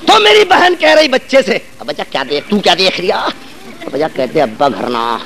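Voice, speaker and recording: A man with an Indian Urdu accent preaches a dramatic, story-driven sermon. His voice sits very high, and he swings between loud, chanting passages and hushed, soft lines. A faint hiss runs under the recording. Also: wildly swooping pitch.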